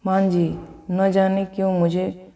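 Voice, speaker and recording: A woman's voice: medium pitch, little pitch movement, takes it slowly, mellow, far from the mic. A woman voicing a devout young wife in a devotional storybook tale, pleading and sorrowful in prayer.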